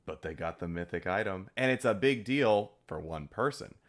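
A man co-hosting a casual geeky discussion in a jokey, excitable way. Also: low-pitched. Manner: jokey, excitable, quick to laugh. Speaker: podcast co-host.

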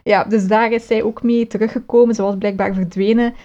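A woman's voice: a little high, fairly even intonation, brisk, mellow, lo-fi sound. A woman recapping a series episode on a podcast, rambling and correcting herself with many fillers. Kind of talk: casual chat.

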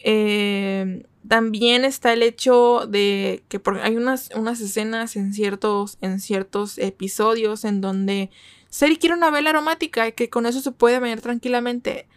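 A chatty woman talks through a series in a relaxed, conversational way. Her voice sits fairly high, and she keeps asking her listeners whether they are following along. The sound is dry and close, with no room echo. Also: a little slow, smooth. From northern Mexico. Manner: chatty, asks listeners for agreement with frequent tag questions. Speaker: K-drama reviewer. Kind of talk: casual review chat.

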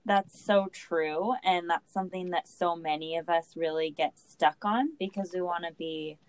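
A woman hosting a podcast in casual chat, her voice groggy and rough, talking in an encouraging, chatty way. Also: on the low side, steady tone, moderate pace. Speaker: podcast host.

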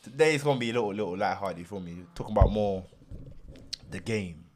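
A low-pitched young man speaks with a London roadman accent. He hosts casually in street slang, constantly checking in with his listeners. There is noticeable noise behind the voice. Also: animated, fast talker. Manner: streetwise, repeatedly checks in with "you feel me". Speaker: podcast host.

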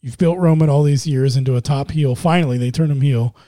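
A man's voice: mid-range voice, brisk, dark tone, no echo, clean studio sound. A man co-hosting a podcast with casual, conversational commentary. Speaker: podcast co-host. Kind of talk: casual wrestling commentary chat.

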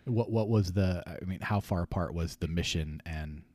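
A man's voice: low voice, normal speed, a little mellow, no echo. A man hosting an interview podcast, asking questions in an upbeat, chatty, joking way. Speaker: podcast host. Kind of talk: casual interview.

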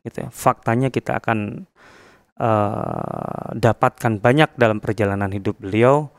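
A man from Indonesia, an ustadz, giving a measured religious podcast talk with many fillers and Arabic quotations. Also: lowish voice, big pitch swings, creaky, no room sound, studio quality.

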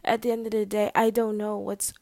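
A young woman talking to the camera in a personal video diary, hesitant and halting, sometimes dropping to a soft whisper. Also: medium pitch, level tone, gravelly, no room sound, studio quality. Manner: hesitant, halting, full of fillers; drops to a soft whisper at times. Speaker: vlogger.

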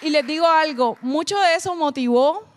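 A woman, animated as she tells a personal testimony and speaks straight to her audience. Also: high-pitched, normal speed, a faint crowd. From Colombia. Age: adult, mother of a child. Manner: animated storytelling, addresses the audience directly. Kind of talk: emotional personal testimony talk.

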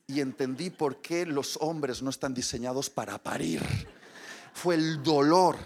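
A man, preaching a sermon as an animated storyteller who acts out scenes and voices. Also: a little high, unhurried.

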